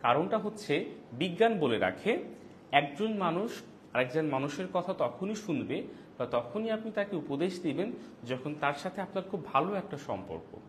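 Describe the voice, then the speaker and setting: Lively Bangladeshi man giving parenting advice. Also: fairly high pitch, moderate pace, a little hiss or hum. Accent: Bangladeshi Bengali. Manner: lively, acts out quoted lines. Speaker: parenting talk host. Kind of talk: live-streamed parenting talk.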